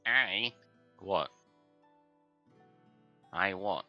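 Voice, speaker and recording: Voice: low voice, drawn-out words, lo-fi sound, faint music behind. A player at a tabletop game, teasing and wry in casual chat.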